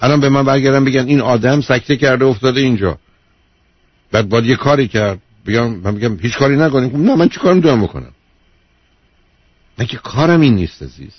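Husky man lecturing emphatically on radio. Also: medium pitch, expressive, no room sound. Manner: emphatic, lecturing, repeats key points, calls the caller "dear". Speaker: radio advice host, a doctor. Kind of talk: call-in radio counselling. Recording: dull lo-fi radio broadcast.

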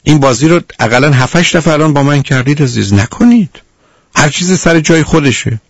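A man with a gravelly, creaky voice giving advice on a radio call-in show. His talk is stern and lecturing, close and dry with no room sound. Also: on the high side, no room sound. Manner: stern, lecturing, repeats "dear" to the caller. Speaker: radio counselor.

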